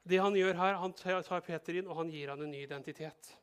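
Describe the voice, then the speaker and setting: A male pastor delivers a sermon in a fairly high voice. He preaches in a lively, conversational way, with touches of humor, as if talking directly to each listener. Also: smooth.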